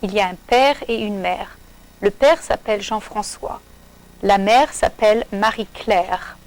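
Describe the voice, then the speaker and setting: A woman narrating a simple storybook for learners, reading slowly and clearly in short sentences. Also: mid-range voice, rough recording.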